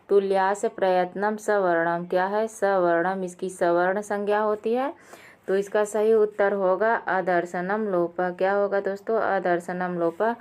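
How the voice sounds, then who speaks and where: A woman teaching Sanskrit exam questions, going through each answer, often calling out to her viewers and correcting herself with a quick apology. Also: mid-range voice, smooth. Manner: addresses viewers as friends, with fillers and self-corrections. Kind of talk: quiz lesson explaining answers.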